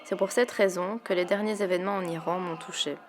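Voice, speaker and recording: A young woman from Palestine who narrates and interviews in a soft, steady way. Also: fairly low pitch, brisk, music in the background. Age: young adult.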